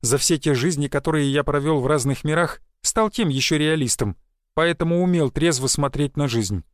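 A man narrating a first-person fantasy audiobook in an even, wry, matter-of-fact way. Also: fairly high pitch, moderate pace, no echo, clean studio sound.

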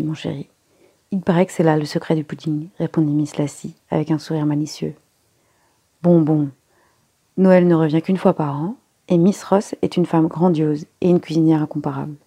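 A woman reading a story aloud as narrator, lifting her voice for the characters' lines, with a husky tone. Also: steady tone, brisk, dark tone, dry recording. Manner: voices the characters' lines with raised pitch and force. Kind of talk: audiobook reading.

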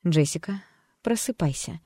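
An audiobook reader playing a calm female psychotherapist who speaks slowly and soothingly, like in a hypnosis session. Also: mid-range voice, no echo, clean studio sound, natural voice. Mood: firm. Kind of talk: audiobook character voice.

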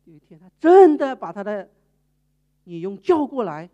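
Lady preaching, high voice, swoops up and down a lot acting out the story. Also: moderate pace, lo-fi sound. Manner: animated storytelling, acting out quoted people. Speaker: evangelist preacher. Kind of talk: sermon.

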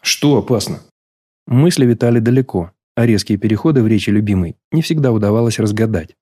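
A man reading a novel aloud as an audiobook narrator, in a measured, even storytelling manner. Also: fairly low pitch, no echo, studio quality. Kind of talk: scripted literary narration.

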